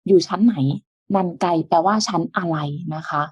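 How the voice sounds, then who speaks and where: A woman teaching an online language lesson, explaining step by step in a patient way with soft, polite sentence endings. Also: on the low side, moderate pace, slightly rough, dry recording.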